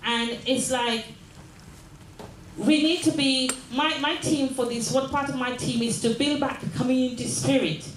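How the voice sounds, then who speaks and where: Older woman from Jamaica, mayor speaking to a crowd, higher voice, earnest and repetitive, echoey room. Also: fairly even intonation, unhurried, a little hiss or hum. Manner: earnest, repeats phrases, checks in with the audience. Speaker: mayor giving a closing speech. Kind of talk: community speech. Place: large room at a mayor's office. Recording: echoey room with faint ambience.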